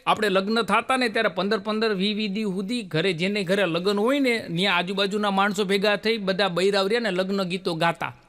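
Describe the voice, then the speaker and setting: A man's voice: high voice, steady tone, brisk, hardly any pauses, fairly bright tone. A man telling jokes as a stand-up comedian, chatty and laughing at his own punchlines.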